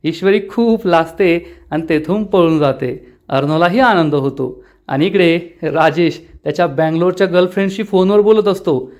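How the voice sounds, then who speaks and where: A man's voice: on the high side, moderate pace, darkish tone. A man narrating a recap of a television serial episode and reading out every character's lines himself. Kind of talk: scripted storytelling narration.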